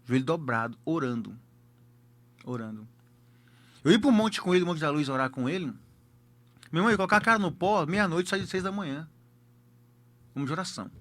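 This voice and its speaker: A man's voice: sits high, expressive, fast talker, pauses often, fairly bright tone. A man with a Brazilian accent, a pastor telling a personal testimony emphatically and repeating key words for effect.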